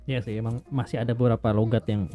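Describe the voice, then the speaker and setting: A man's voice: medium pitch, steady tone, fast, music in the background. A man hosting a casual podcast, chatty and fond of mimicking accents. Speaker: podcast host.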